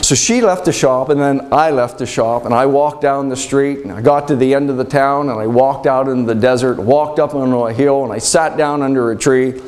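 An actor playing Joseph, a troubled adult man, telling his story in an earnest, halting, emotional way. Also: mid-range voice, darkish tone, natural voice, poor audio. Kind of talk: dramatic monologue storytelling.

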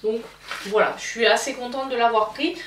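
A woman with a fairly high voice talks through a makeup haul in a casual, hesitant way, pausing often with fillers. She sits a little back from the mic, and the room gives her voice a noticeable echo. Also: steady tone, recorded from a distance, a little hiss or hum. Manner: chatty, hesitant with frequent fillers. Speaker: beauty vlogger.

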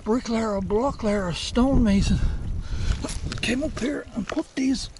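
Irish guy, middle-aged, vlogging a tough climb outdoors; winded, wry, unhurried, on a close action cam. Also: very high voice, noisy background. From Ireland. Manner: breathless, sighing, wry understatement. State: out of breath. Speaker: adventure vlogger. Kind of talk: casual vlog commentary while climbing. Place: outdoors on a steep, rainy mountainside. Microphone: action camera held close or clipped on.

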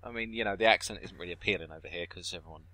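A man's voice: low voice, racing, pushed and bright. A young man from southeast England with a Southern English accent, chatting casually on a podcast and often correcting himself mid-sentence. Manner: chatty, self-correcting, trails off into asides. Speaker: podcast co-host.

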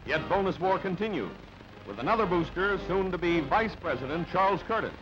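The narrator is a man with a high-pitched, animated voice reading scripted newsreel text fairly quickly. He keeps it clipped, punchy and dramatic, and the dull, band-limited old soundtrack carries music in the background.

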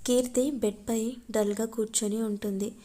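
A woman reading a love story aloud as a steady scripted narration. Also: fairly high pitch, moderate pace.

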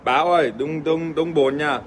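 An Australian man, native English speaker, joking crudely with fans in casual livestream chat, halting with fillers and swearing playfully. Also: a little high, steady tone, a little hiss or hum. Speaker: livestream host. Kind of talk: casual livestream chat reading fan comments.

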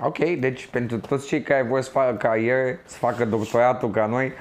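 A man's voice: medium pitch, steady tone. A man hosting an academic interview, debating points with his guest and addressing the audience. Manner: debating points, then wrapping up the segment for listeners. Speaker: interview host.

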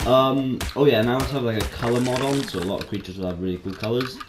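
A man giving casual, chatty let's-play commentary as a game streamer, excitable and prone to sudden startled yelps. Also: mid-range voice, fast. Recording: roomy echo, faint noise.

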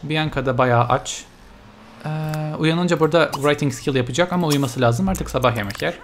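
Male gaming commentator, fairly high, lively, prone to sudden squeals, slight hiss. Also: a little fast. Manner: excitable, frequent gasps and sudden pitch jumps. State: tired. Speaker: gaming YouTuber. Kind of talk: Let's Play commentary.

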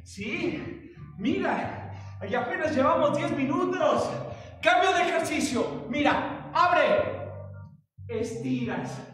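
A Mexican man with a strikingly high voice leads an exercise class, calling out counts and moves at an unhurried pace. He sounds playful and coaxing, heard from a distance in a big hall with long, booming reverb. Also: expressive, fairly bright tone, soft background music. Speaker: fitness instructor. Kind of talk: live online exercise class. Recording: echoey hall from far off.

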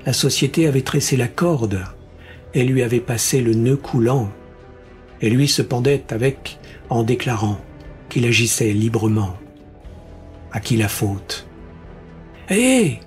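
A man reading a science fiction story aloud as an audiobook narrator in a measured, even way. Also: mid-range voice, soft background music. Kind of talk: scripted narration.

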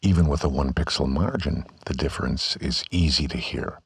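A man giving a calm, step-by-step scripted voice-over for a software tutorial. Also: rumbling low, moderate pace, gravelly, husky, dry recording, clean studio sound. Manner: calm, step-by-step instructional delivery.

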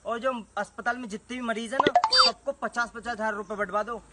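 A man's voice: very high-pitched, fairly even intonation, brisk, distant mic. A man in a comic sketch, blunt and boastful. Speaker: comedy sketch performer. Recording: loud background noise.

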